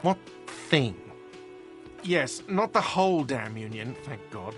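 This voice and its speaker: A man's voice: medium pitch, lively intonation, takes it slowly, fairly bright tone, soft background music. A man voicing a whiny, petty middle-aged cafeteria manager in a game, nagging and sarcastic. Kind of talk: fan voice acting of a game character.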